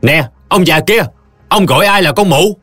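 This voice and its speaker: A man voicing a quarrelsome, slandering old woman who shouts scornfully. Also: fairly high pitch, expressive, moderate pace, dry recording, faint music behind, pitched above the performer's own voice. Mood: shrill defiant.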